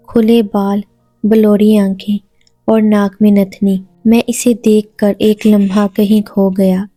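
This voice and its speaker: A woman narrating a first-person romantic audio story in an even, unhurried reading voice. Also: mid-range voice, no room sound.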